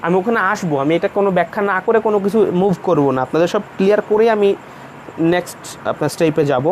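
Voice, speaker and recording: A man's voice: high voice, very fast, a little hiss or hum. Patient male tutor explaining grammar. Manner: patient, repeats points, mixes English terms into Bengali. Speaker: English grammar teacher. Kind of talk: online class lecture.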